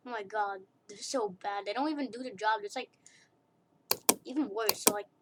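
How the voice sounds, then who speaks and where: A young woman with a medium-pitched voice talks at normal speed through a screen-recorded drawing tutorial, rambling, correcting herself, and giggling at her own asides. The computer mic picks up loud hiss along with keyboard and mouse clicks.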